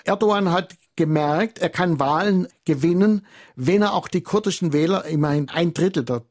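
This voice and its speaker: A man speaking as an expert guest on a radio call-in, explaining in a measured, lecturing way. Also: high voice, a little mellow.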